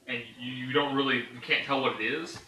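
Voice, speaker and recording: A man serving as game master, narrating scenes in a bright, forceful voice and breaking into chuckles. He sounds set back from the mic in an echoey room, with a faint hiss underneath. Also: medium pitch, steady tone, brisk, far from the mic. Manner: describes scenes with frequent chuckles and asides.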